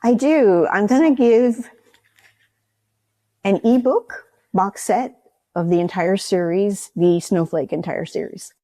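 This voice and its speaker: A woman's voice: mid-range voice, takes it slowly, warm tone, no echo. A woman author speaking as an interview guest, rambling and explaining at length. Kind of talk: casual interview chat.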